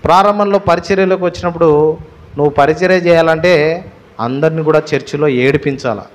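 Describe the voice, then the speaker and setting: A male pastor from Andhra Pradesh, speaking with a Telugu accent in a fairly high, brisk voice, preaches a sermon. He drives his points home through repeated phrases and rhetorical questions.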